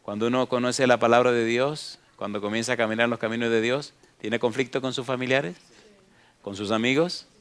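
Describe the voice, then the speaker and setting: A man's voice: medium pitch, steady tone, fairly quick. A male pastor preaching a sermon, reading scripture and asking the congregation rhetorical questions.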